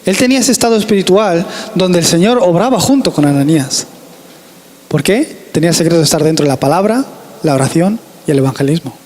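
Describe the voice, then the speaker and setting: A man's voice: fairly high pitch, lively intonation, fast, a little mellow. A man from Spain with a Spanish accent, preaching a sermon in an earnest, emphatic way and repeating his key phrases. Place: church hall. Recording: reverberant church hall.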